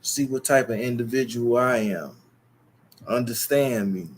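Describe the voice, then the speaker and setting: Speaking a little slowly in a mid-range voice, a young man from Chicago addresses his viewers directly. The YouTube streamer's monologue is long, boastful, profane and meandering.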